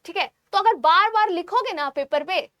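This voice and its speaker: High-voiced woman teaching biology. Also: a bit bright, dry recording, studio quality. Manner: repeats terms slowly, checks in with "ठीक है?"; writes on screen while explaining. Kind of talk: online exam-prep lecture.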